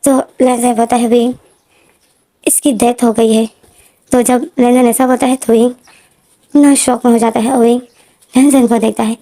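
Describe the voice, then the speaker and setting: A woman retelling a fan-fiction story in a casual, steady, repetitive storytelling manner. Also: on the high side, moderate pace. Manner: steady, repetitive storytelling with frequent linking words.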